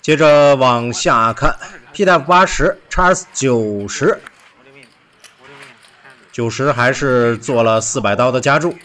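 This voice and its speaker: This is an unhurried, animated voice-over from a man covering poker highlights. He frequently pauses and leans on rhetorical questions and exclamations.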